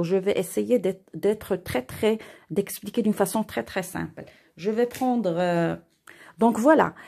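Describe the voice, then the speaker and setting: A woman's voice: medium pitch, gravelly, warm tone. A woman teacher working through an exercise step by step, patiently repeating herself and asking and answering her own questions as she writes on paper. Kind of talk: step-by-step math and physics lesson.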